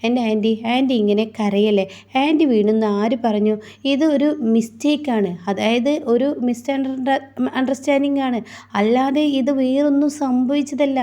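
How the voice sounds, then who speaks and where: A young woman in a retold serial comforts her aunt in a pleading, reassuring way, voiced by a woman narrator. The tone is soft and mellow and sits a little high. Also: steady tone, moderate pace, close to an everyday voice.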